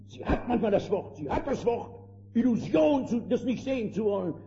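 An older man preaching a fervent sermon, calling his listeners friends and swinging between hushed and emphatic delivery. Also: sits high, lively intonation, moderate pace. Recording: dull lo-fi old sermon recording with faint noise.

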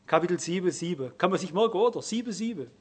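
Preacher, male, high voice, fervent sermon delivery that rises and falls. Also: lively intonation, quick pace, husky. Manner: fervent, exhorting, swings between quiet and loud.

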